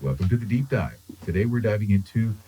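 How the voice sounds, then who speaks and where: An AI-generated man hosting a podcast in smooth, agreeable banter, played back through a computer speaker. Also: on the low side, lively intonation, quick pace, mellow. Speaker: AI podcast host.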